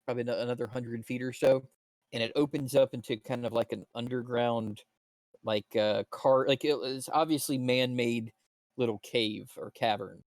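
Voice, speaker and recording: A man narrating as dungeon master in a live-streamed tabletop game, talking in halting bursts full of fillers and restarts. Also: mid-range voice, steady tone, darkish tone, no echo.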